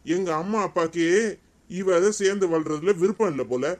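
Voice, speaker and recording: A man's voice: high-pitched, moderate pace, lightly acted. A man with a Tirunelveli Tamil accent voicing a concerned elder brother in a cartoon, talking earnestly and questioning.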